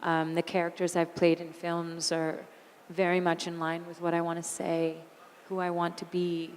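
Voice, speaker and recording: A raspy-voiced woman in her thirties, a singer and actor, appears as an interview guest in an onstage conversation in an event hall with long reverb. Her voice sits on the low side at normal speed with a little hiss or hum, and she candidly shares animated life stories, laughing easily.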